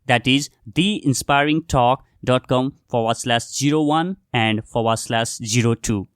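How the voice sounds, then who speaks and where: A man's voice: medium pitch, measured pace, clear, resonant tone, no room sound, studio quality. A young man from Nepal, hosting his podcast in an earnest, scripted monologue that talks straight to the listeners. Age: young adult. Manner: earnest, addresses listeners directly as "guys". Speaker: podcast host.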